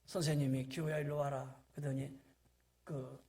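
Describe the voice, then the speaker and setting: A man's voice: mid-range voice, flat delivery, moderate pace, dark tone. A middle-aged man preaching a sermon in a church, telling stories and acting out the voices of the people in them. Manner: storytelling, acting out quoted voices, rising to emphatic peaks. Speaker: pastor. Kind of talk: sermon with anecdotes. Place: church sanctuary.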